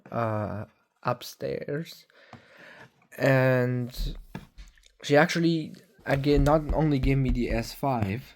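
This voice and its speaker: A man's voice: medium pitch, darkish tone. A young man in his late teens casually reviewing his phone collection at home, rambling with many fillers and self-corrections. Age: young adult. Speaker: tech vlogger.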